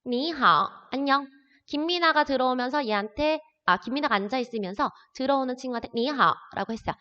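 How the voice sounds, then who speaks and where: A woman's voice: high voice, fast talker, bright, forceful tone. A woman teaching an introductory language lesson, explaining words patiently step by step. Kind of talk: recorded classroom lesson. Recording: dull lo-fi audio with long reverb.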